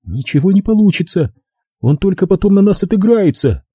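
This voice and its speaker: A male audiobook reader voicing an angry, bitter adult woman held captive in chains, speaking in a raised, higher voice. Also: very animated, fairly quick, warm tone, breathy edge, dry recording, studio quality, exaggerated voice. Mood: scornful. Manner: bitter, snapping.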